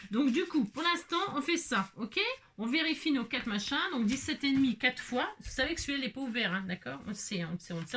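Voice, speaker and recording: A woman's voice: a little high, a bit bright, a little hiss or hum. A woman hosting a casual crafting tutorial, chatting freely as she works and talking half to herself, with lots of little filler tags. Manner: chatty, many filler tags, talks to herself while working.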